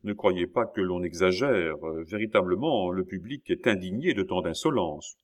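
A man reading aloud and voicing a cool, composed duke and minister who speaks with measured calm. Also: low voice. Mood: cold.

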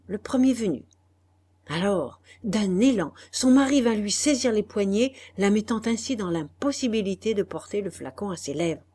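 Woman reading a classic novel aloud, calm and measured narration. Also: fairly low pitch. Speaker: audiobook narrator. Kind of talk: literary audiobook narration.

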